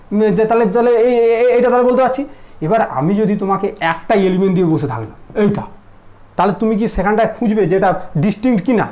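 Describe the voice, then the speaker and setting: A man's voice: high-pitched, a little mellow. Male tutor, casual lecture; teasing, keeps quizzing students with check questions. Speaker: mathematics teacher.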